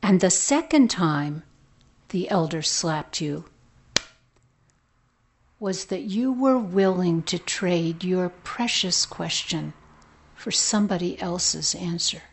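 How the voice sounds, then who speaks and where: A woman storyteller voicing a kindly, wise man who speaks gently, slowly and thoughtfully. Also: lowish voice.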